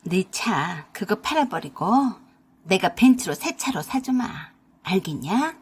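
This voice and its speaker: A woman voicing a stern elderly mother-in-law in a storybook radio drama, talking low, loud and slow as she scolds. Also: big pitch swings, breathy edge, heavily acted. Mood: scolding. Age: older.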